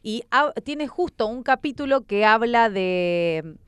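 Clear-voiced Argentine woman, chatty. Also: a little high, animated, slow, no echo. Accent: Rioplatense Spanish. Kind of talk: casual conversation.

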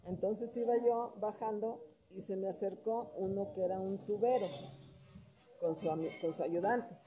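A woman's voice: medium pitch, moderate pace, soft background music, poor audio. A middle-aged woman, a former miner telling a story in casual talk and acting out the voices of the people in it. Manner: animated, acts out quoted voices. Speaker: podcast guest, former miner.

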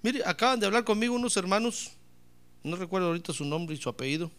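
A man's voice: high-pitched, animated, fast talker, fairly bright tone, smooth. A man preaching a sermon as pastor, emphatic, calling on the congregation to answer back and slipping in joking asides.

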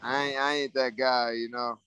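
A man, a fighter, answering interview questions in a mellow, laid-back way with many fillers. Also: medium pitch, little pitch movement, normal speed, smooth, no room sound, rough recording. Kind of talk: casual interview.

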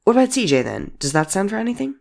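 A storyteller voicing Aaron, a gentle, caring young man who speaks earnestly and reassuringly. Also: medium pitch, sing-song, fast, creaky, voice pushed up. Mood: concerned. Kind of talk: audiobook character voice.

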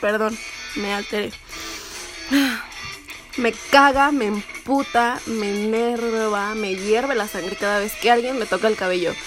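A woman's voice: mid-range voice, measured pace. A young woman with a Mexican Spanish accent, ranting heatedly and sarcastically in a vlog, swearing often. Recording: music playing behind the voice.

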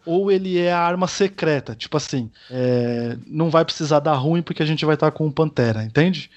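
A Brazilian man talking casually about films and comics, his voice sitting a little high. He is lively and slangy, and he restarts his sentences often. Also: normal speed, dull audio. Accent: Brazilian Portuguese. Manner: animated, slangy, with many restarts and filler tags. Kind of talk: casual chat.

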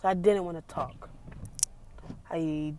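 A young woman vlogger venting in a casual storytime, animated and emphatic, repeating herself as she talks from a parked car. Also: low-pitched, slow, slight background noise.

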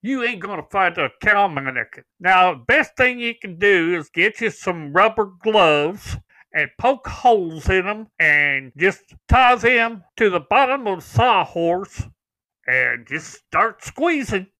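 A man's voice: sits high, lively intonation, takes it slowly, sharp tone, full character voice. A man playing a folksy old farmer co-hosting a comedy show, with homespun rural talk. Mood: deadpan folksy. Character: folksy old male farmer, cheerfully confident. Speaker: co-host. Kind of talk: comedic character banter.

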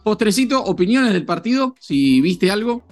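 A man's voice: high voice, sing-song, moderate pace, soft background music. A man hosting a casual sports podcast and addressing his co-hosts with mock formality. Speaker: podcast host. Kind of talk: casual podcast chat, quiz master.

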